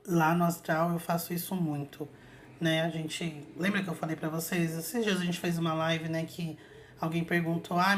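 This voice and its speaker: Against slight background noise, a woman with a lowish voice hosts her own channel. She casually tells viewers about her astral projection experience, using lots of fillers.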